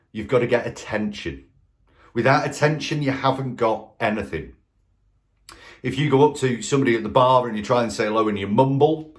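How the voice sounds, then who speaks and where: A man's voice: mid-range voice, a little mellow. Man, sales coach, emphatic, punchy, rhetorical questions, talk to camera. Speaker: sales trainer.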